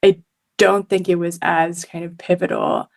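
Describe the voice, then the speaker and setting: Her lowish, creaky voice shows little pitch movement and runs at normal speed. A Hong Kong journalist on a podcast, she chats casually, laughing often and using plenty of fillers.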